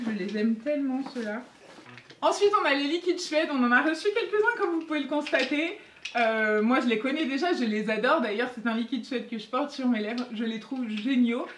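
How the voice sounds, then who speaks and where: High-voiced excitable woman unboxing. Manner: chatty and excitable, giggly. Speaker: beauty vlogger. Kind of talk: casual unboxing chat. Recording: echoey room, faint noise.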